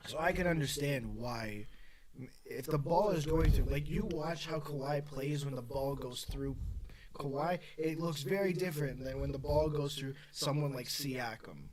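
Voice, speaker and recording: A young man hosting a casual sports chat, animated and full of quick restarts. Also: medium pitch, a crowd in the background. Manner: animated, quick back-and-forth with repeated restarts. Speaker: podcast host.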